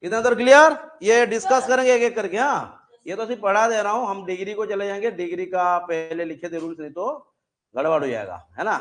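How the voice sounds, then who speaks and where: A man's voice: sits high, brisk, fairly bright tone. A man teaching a classroom grammar lesson, with an Indian English accent, explaining through many examples and often checking whether students understand.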